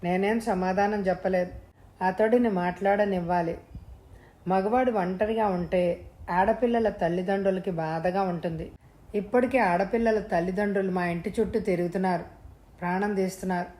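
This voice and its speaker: Give me a woman narrating a novel aloud, steady and first-person, at a middle pitch. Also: moderate pace.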